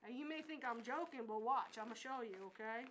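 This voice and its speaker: A woman playing a brash, homespun pitchwoman in a comedic infomercial parody, with folksy, pushy sales patter. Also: fairly quick, fairly bright tone, a little hiss or hum, close to an everyday voice, low-quality recording. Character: brash homespun woman pitchwoman Bertha selling gag gear.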